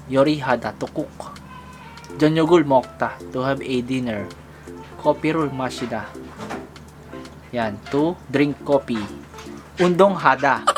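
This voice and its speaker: A man from the Philippines giving a casual, chatty language tutorial, laughing and thinking aloud as he goes. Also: mid-range voice.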